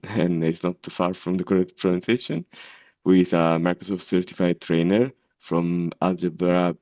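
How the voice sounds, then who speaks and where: A man's voice: deep voice, mellow, no echo, dull audio. A man moderating a webinar, politely introducing the speaker with some fillers. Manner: polite, self-deprecating, with fillers.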